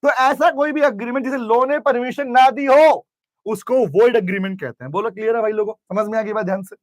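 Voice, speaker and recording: A man teaching a class, lively, constantly questioning his students and acting out examples. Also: very high voice, a little fast, dry recording. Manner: lively, questioning students, mixes English terms into speech. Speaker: commerce teacher. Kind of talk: classroom lecture with role-play. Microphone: camera recording in class.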